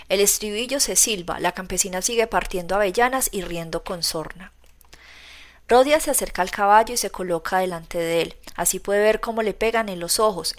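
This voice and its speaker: A woman narrating a classic novel as an audiobook reader, in steady storytelling. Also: medium pitch. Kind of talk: scripted narration.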